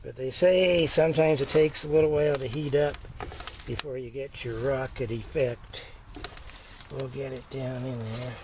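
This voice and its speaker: An older man giving a casual do-it-yourself demonstration inside a small greenhouse, talking in an unhurried, folksy way full of fillers. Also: mid-range voice, fairly even intonation. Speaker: homesteader showing his build. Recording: noisy camera audio.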